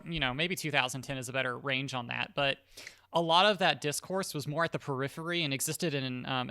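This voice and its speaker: Bright-voiced thoughtful man, dry sound. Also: medium pitch, smooth, no room sound. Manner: thoughtful, hedging with fillers. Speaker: podcast co-host. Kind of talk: casual gaming podcast chat.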